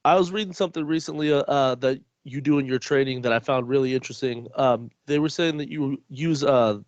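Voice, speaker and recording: A man co-hosting a podcast, asking the guest questions in a relaxed way. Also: medium pitch, fairly quick, no echo, highs cut off. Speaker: podcast co-host. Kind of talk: casual interview questions.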